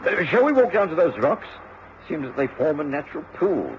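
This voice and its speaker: A man playing a genial middle-aged gentleman doctor in a radio drama. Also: a little high, sing-song, a little fast. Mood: cheerful. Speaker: actor and first-person narrator. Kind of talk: radio drama narration and dialogue. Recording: dull, lightly noisy radio recording.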